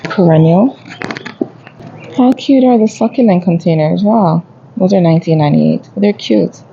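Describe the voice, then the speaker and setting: A woman's voice: fairly low pitch, normal speed, gravelly, warm tone, dull audio, slight background noise. A woman gardening vlogger chatting casually as she walks a garden center and reads out plant prices. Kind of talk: casual shopping vlog commentary. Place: garden center of a home improvement store.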